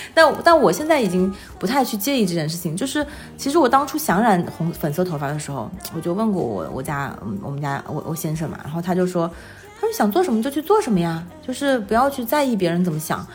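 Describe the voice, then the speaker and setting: Woman, 30s, interview guest. Quick, animated, self-deprecating storyteller, music in the mix. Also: fairly low pitch. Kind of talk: casual conversational storytelling.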